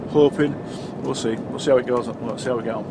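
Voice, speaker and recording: Driving his truck, a middle-aged man with a stuffed-up nose talks casually to the camera, chatty, rambling and self-correcting. He speaks quickly in a steady mid-range voice over loud road noise.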